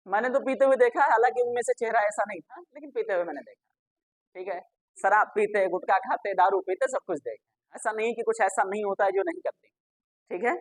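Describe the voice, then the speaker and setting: A woman's voice: medium pitch, lively intonation, brisk, no echo. A woman teacher. She gives a classroom grammar lesson, spells words out letter by letter and repeats them, and asks the class questions that she then answers herself.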